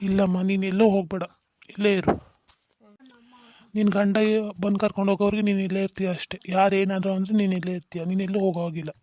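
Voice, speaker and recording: A woman's voice: mid-range voice, flat delivery, rapid-fire, dark tone, no room sound, natural voice. A woman voicing a tired young husband in a cartoon drama, pleading with his quarrelling family for peace. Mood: weary pleading. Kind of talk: cartoon voice acting.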